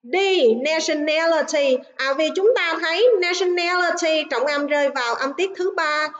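A woman with a Vietnamese accent, an English teacher in a recorded online lesson, reading quiz items slowly and carefully. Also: sits high, fairly bright tone, dull audio.

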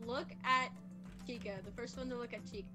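High-pitched playful young woman over loud music. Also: fairly even intonation, a little fast. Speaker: player in a group guessing game. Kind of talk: casual gaming chat.

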